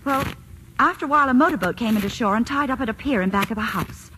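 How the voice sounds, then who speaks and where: In a hissy vintage radio broadcast, an actress plays an anxious, earnest married woman warning an old friend, in a hesitant, confiding 1940s radio drama style. Her voice is fairly high and sharp, she talks fast, and the recording quality is low.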